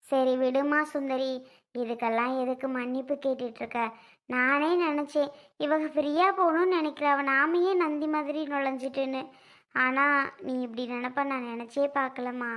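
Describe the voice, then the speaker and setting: A woman voicing a gentle, forgiving older sister-in-law who speaks softly and slowly. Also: high-pitched, flat delivery. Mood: consoling. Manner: soft, slow, consoling. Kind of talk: family skit acting.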